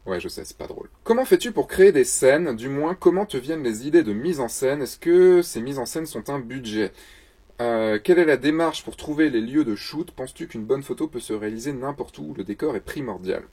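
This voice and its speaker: Guy hosting a photo q&a vlog, kinda husky, cracks dumb jokes at himself. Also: medium pitch, animated, a little fast, darkish tone. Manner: joking, self-mocking, loose and chatty. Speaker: photographer answering viewer questions. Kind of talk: casual Q&A vlog.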